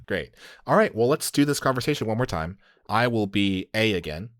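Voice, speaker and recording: A man's voice: lowish voice, animated, fairly quick, no echo, studio quality. A man hosting a language podcast, explaining slang step by step in a casual, laughing way. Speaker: podcast host teaching slang. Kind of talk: casual teaching chat.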